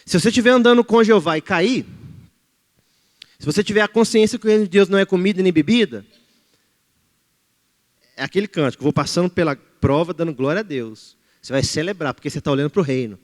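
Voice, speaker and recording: A Brazilian man preaching a sermon in a church, shifting between loud exhortation and hushed pleading. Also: sits high, quick pace, long pauses. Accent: Brazilian Portuguese. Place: church hall. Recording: reverberant church hall.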